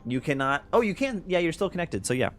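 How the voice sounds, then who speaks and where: Lively man running a tabletop game. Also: on the high side, fast talker. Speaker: game master. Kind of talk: narrating a live tabletop role-playing game, casual. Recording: music behind the voice.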